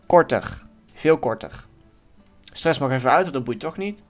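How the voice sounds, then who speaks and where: A man giving casual let's-play commentary in a lively way, swearing now and then and yelling at near misses. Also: mid-range voice, moderate pace, soft background music. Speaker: gaming YouTuber.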